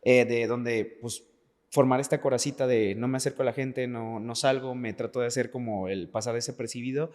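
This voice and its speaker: His voice is mid-range, fairly even, brisk, and a touch mellow. This Mexican dancer from Veracruz, late twenties to thirties, speaks personally and sincerely as a podcast guest, repeating words for emphasis in a reverberant, hall-like space.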